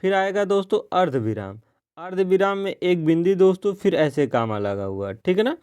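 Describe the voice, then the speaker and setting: A man teaching a grammar lesson for exam preparation, often checking in with a rising "okay?" and slowing down to read out examples. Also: very animated, a little mellow, clear, resonant tone. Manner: keeps asking "ठीक है ना" in a rising tone, addresses viewers as friends; slows down and drops pitch to read out example sentences.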